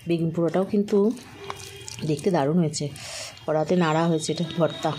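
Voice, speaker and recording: A woman food vlogger chatting quietly to her viewers while she eats by a window, savoring each bite aloud. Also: deep voice, fairly even intonation, fairly quick, a little hiss or hum. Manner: soft-spoken, hushed. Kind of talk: casual vlog chat while eating. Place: indoors by a sunny window.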